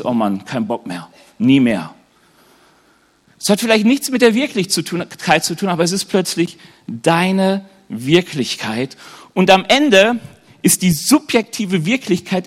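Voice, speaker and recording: A man's voice: high-pitched, a bit bright. A man preaching a sermon to a live congregation in a conversational way, often turning to the listeners with questions and slipping in light humorous asides.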